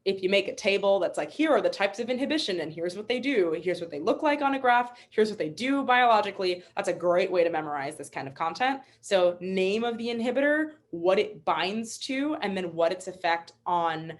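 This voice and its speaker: A woman's voice: medium pitch, expressive, a little fast, hardly any pauses. A young woman instructor teaching a live online webinar, upbeat and encouraging, chatty with fillers. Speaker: MCAT instructor.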